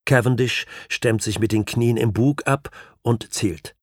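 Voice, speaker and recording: A man reading a novel aloud as an audiobook narrator, in measured, even storytelling. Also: medium pitch, no echo, clean studio sound. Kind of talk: scripted literary narration.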